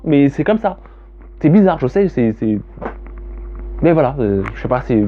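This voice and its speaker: A man talking casually in a vlog about his own poems, hesitant and halting with many fillers and restarts, candid and self-deprecating. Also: mid-range voice. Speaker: vlogger reading own poems. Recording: tinny phone-like sound.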